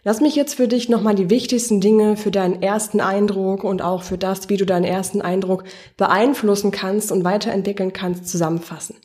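A female voice coach talks one-to-one with her listener in a podcast lesson. She explains her points patiently and keeps asking guiding questions. Her pitch sits in the middle range for a woman. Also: steady tone, brisk, darkish tone. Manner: encouraging, addresses the listener directly.

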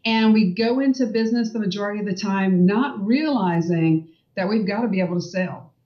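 A woman's voice: mid-range voice, a little fast, mellow. Brief: woman guest coach, confident and explanatory, heard from a distance on dull audio. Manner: confident, explanatory, frequent "you know" and "right?". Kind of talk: casual interview chat.

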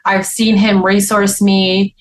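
A woman's voice: medium pitch, little pitch movement, slow pace, low-quality recording. A woman guest, a speaker and author, talking earnestly about her faith in a casual interview, with frequent restarts.

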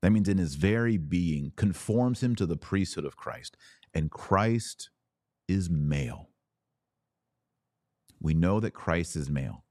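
A low-voiced podcast host offers opinionated religious commentary, teaching emphatically, asking rhetorical questions and sometimes reading aloud. Recorded on a close mic at a webcam setup, his darkish voice sounds dry with no room sound.

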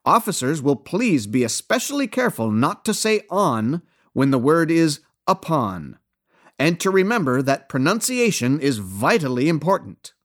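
Fussy little pedant lecturing solemnly, as a male narrator puts him on, lively intonation. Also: on the high side, normal speed. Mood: pedantic. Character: earnest, fussy little man lecturing on ritual.

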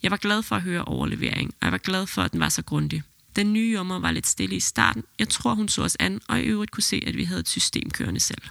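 A woman who is a midwife and podcast host, reading a birth story aloud in an even, steady way and then talking it over. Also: medium pitch, creaky, few pauses, dry recording.

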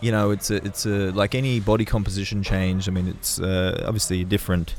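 Low-voiced enthusiastic male podcast host. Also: level tone, brisk, slight background noise. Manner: enthusiastic, stammering restarts. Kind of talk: casual podcast interview.

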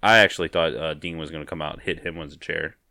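Low-voiced easygoing man. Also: steady tone, quick pace, gravelly, bright, forceful tone, no room sound, clean studio sound. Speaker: podcast co-host. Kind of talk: casual wrestling chat.

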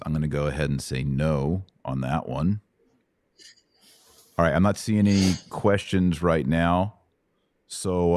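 A middle-aged man with a low-pitched, darkish voice hosts a live Bible Q&A podcast. He teaches conversationally and didactically, putting checking questions to his listeners as he explains.

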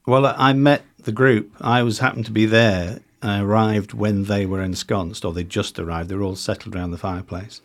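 A man with a fairly low voice, guest on a podcast. He tells rambling, good-humoured stories about his safari business, often restarting his sentences and poking fun at himself. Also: fairly even intonation, brisk, hardly any pauses. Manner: chatty anecdotal storyteller, self-deprecating, restarts often. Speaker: safari company founder, guest. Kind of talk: conversational podcast interview.

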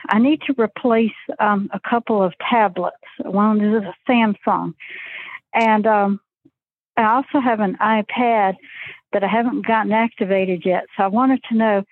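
Woman on a tinny flip phone call. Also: medium pitch. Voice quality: thin old flip phone call sound. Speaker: caller asking a question. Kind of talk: casual live call-in question.

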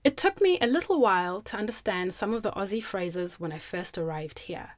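A cheerful woman presenter from Zimbabwe, whose first language is Shona, reads scripted narration for children in an expressive storytelling style. Her voice is mid-range and a little fast, and the recording is dry and close.

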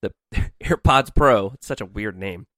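A man's voice: on the low side, animated, a little slow, fairly bright tone, dry recording, studio quality. A man co-hosting a podcast, chatting casually, joking and swearing, laughing often. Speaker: podcast co-host. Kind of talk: casual chat.

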